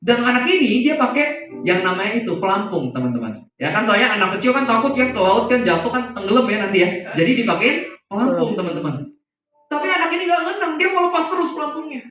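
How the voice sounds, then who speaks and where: High-voiced preacher in an echoey hall. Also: male voice, fast, distant mic. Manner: lively, asks the congregation questions. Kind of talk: youth sermon with storytelling. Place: church hall. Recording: very echoey hall, mic from afar, music.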